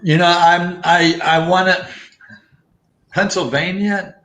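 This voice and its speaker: A man with a slightly high voice chats casually, sounding easygoing and agreeable. His sound is clearly roomy and echoing. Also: fairly even intonation, takes it slowly, a bit bright. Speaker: livestream participant. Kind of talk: casual live chat.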